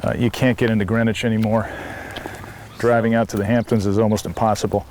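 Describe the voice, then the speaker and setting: Low-voiced man giving a property tour. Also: level tone, fast. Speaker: property developer showing a site. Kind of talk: casual sales tour talk. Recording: location sound, some ambient noise.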